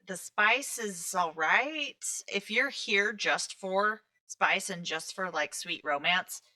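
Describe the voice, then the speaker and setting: A woman's voice: medium pitch, takes it slowly, sharp tone. A woman co-hosting a book podcast, chatting casually with many ums and restarts. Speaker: podcast co-host. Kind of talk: casual book review chat.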